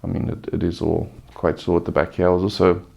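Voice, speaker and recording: A man giving a casual, unscripted personal update, sounding subdued and halting, weary and sore-throated after surgery, with a gravelly voice. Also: low-pitched, little pitch movement, a little mellow, muffled recording. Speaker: vlogger giving a recovery update.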